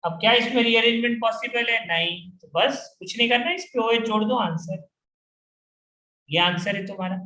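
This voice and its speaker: A man lectures his chemistry class at normal speed in a very high-pitched voice that sounds pushed and bright. He fires question after question at the students, drilling the answers, in an echoey room.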